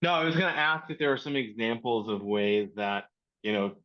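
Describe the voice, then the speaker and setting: Man, lowish voice, muffled call audio, quick explainer full of ums. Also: lively intonation. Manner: fast, filler-heavy explaining. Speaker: panel co-presenter. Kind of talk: casual panel discussion.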